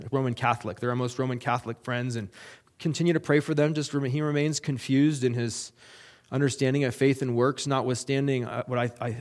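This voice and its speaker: A middle-aged missionary, a native English speaker, reports back to a church in a middle-pitched, slightly mellow voice. He speaks earnestly but haltingly, often pausing on fillers and restarting phrases.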